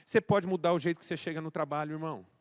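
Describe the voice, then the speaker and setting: A male pastor from Brazil preaching a sermon, swinging between loud exhortation and quiet, intimate address, acting out dialogue as he tells a story. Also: a little high, fairly even intonation, rapid-fire.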